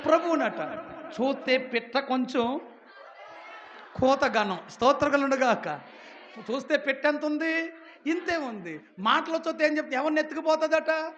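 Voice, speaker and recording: Telugu-accented male preacher, very high voice, rousing and theatrical, lo-fi recording. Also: normal speed, pauses often, slight background noise. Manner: animated preaching, acts out voices, calls to the congregation. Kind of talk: Telugu sermon. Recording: dull lo-fi sound.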